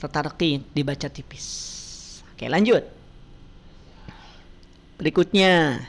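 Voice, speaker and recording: Slow, patient woman tutoring Quran reading. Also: low voice, creaky. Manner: patient, asks students questions and models pronunciation. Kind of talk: online Quran reading class.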